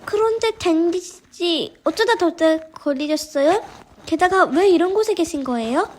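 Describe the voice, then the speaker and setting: A woman's voice: very high voice, lively intonation, normal speed, pitched above the performer's own voice. A woman voicing a timid young boy assistant in a storybook reading. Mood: curious.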